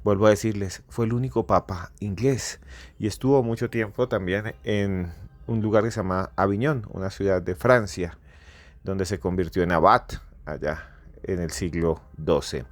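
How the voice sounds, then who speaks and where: Male podcast host, dramatic storyteller, lowish voice, dead-dry recording. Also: normal speed, no echo. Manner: theatrical, repetitive build-ups, rises to near-shouting in climaxes.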